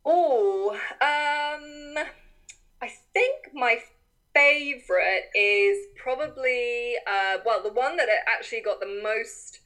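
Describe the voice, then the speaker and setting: Bright-voiced woman chatting as a guest. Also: a little high, takes it slowly, rough recording. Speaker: podcast guest. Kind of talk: casual interview chat.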